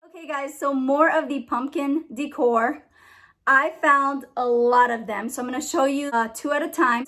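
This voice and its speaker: A young woman with a notably high voice talks through her shopping haul. She is chatty and gushing, with a casual, friendly pace. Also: fairly even intonation, moderate pace, fairly bright tone. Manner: chatty, enthusiastic, giggly over a tongue-twister. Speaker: haul vlogger. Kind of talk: casual haul video chat.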